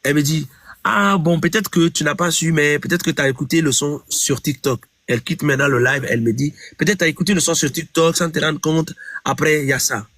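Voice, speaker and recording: In an interview, a singer from Guinea recounts a quarrel over a song, restaging each exchange and repeating "j'ai dit" with force. His voice is on the high side, a bit bright and fairly even in intonation, and he talks fairly quickly on a dry recording.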